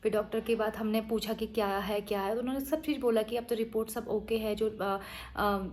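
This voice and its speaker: A woman's voice: on the high side, steady tone, fairly quick, a little mellow, a little hiss or hum. A woman narrating her day in a chatty, teasing way, sounding tired. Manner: chatty, teasing, storytelling with quoted asides. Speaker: vlogger. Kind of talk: casual vlog narration.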